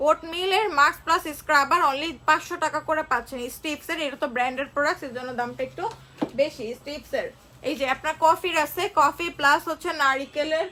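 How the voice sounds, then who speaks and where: A woman from Bangladesh, unwell, selling products on a phone live stream. She talks slowly and chattily, repeating prices and answering viewers. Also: high voice, sharp tone. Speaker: online shop seller. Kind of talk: live-stream sales pitch.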